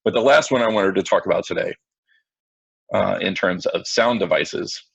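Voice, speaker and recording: Gravelly male teacher on a lo-fi call. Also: sits low, moderate pace, a bit bright, no echo. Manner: casual, self-mocking, talks to students directly. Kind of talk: online class lesson. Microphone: computer mic on video call. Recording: dull lo-fi video call audio.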